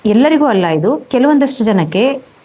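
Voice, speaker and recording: A woman's voice: a little high, animated, moderate pace, mellow, rough recording. A woman giving a tarot reading to camera, rambling and repetitive, full of fillers and restarts. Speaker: tarot reader.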